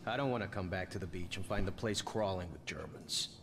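An actor playing a blunt commando officer giving orders before a raid in a video game. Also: male voice, sits low, fairly quick, noisy background. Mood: commanding. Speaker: game character.

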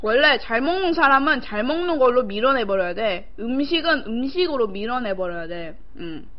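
A young woman hosting a live-stream eating show, chatting casually with viewers as she eats, at times playful and singsong. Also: fairly high pitch. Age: young adult. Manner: talks while eating, with short murmurs between phrases. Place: small room indoors. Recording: dull, lo-fi stream audio.

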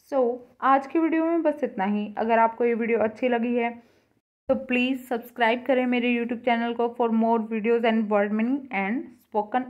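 Slow, careful woman teaching pronunciation. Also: a little high, dull audio. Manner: drawn-out repeated word drills. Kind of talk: slow tutorial lesson.

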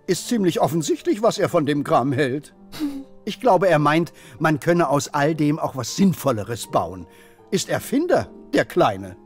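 A man's voice: fairly high pitch, sing-song, a little slow, faint music behind. A man voicing a courteous, nervous, gloomy ogre in a video game, speaking politely and theatrically. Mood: amused, dry.

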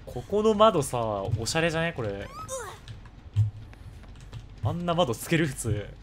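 A man with a hoarse voice, chatting casually while live-streaming a game and thanking viewers for donations. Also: on the high side, sing-song, unhurried, slight background noise.

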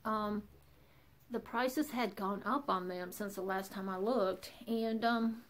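A woman's voice: mid-range voice, steady tone, takes it slowly. A woman vlogger talking casually in a subdued morning voice, teary and emotional. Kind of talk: casual vlog talk.

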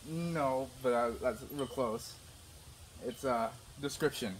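A man's voice: mid-range voice, slow pace, a little hiss or hum. Give me a teasing man hosting a casual challenge. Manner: teasing, coaxing, gives hints. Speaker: video host running a challenge. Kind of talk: casual chat.

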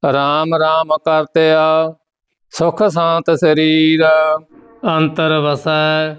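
A man, teaching scripture by reciting each phrase slowly and evenly, then pausing to explain how it is pronounced. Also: on the high side, monotone, a bit bright, clean tone, soft background music. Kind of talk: slow line-by-line scripture recitation lesson.

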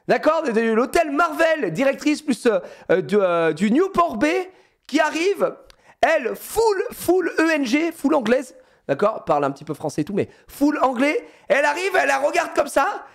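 A man telling his viewers a holiday story in a casual, animated way, with lots of fillers. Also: very high-pitched, moderate pace, gravelly. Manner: animated, many fillers, addresses viewers directly.

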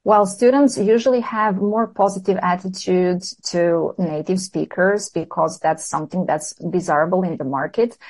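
A woman's voice: medium pitch, a little mellow, poor audio. A woman from Serbia who speaks English as a second language, an English teacher explaining her views earnestly in a podcast interview.

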